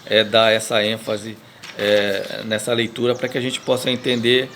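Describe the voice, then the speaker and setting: A male pastor with a Brazilian Portuguese accent gives a daily Bible reading commentary, talking haltingly with many fillers, restarts and tag questions. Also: lowish voice, completely flat delivery, a bit bright, a little hiss or hum.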